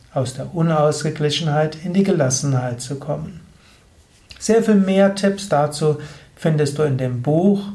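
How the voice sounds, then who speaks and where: Calm man giving a spoken teaching talk. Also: a little high. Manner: addresses listener directly, acts out example inner voices; calm, explanatory. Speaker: yoga teacher and author.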